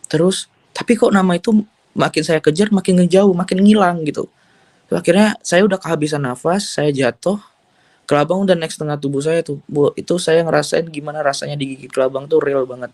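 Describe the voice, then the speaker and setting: A young man speaks in a fairly high voice, recorded dry with no room sound. He tells his personal faith testimony to an interviewer in a loose, casual way. His manner is earnest, with English phrases slipped in. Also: darkish tone, no echo. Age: young adult. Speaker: interview guest giving testimony.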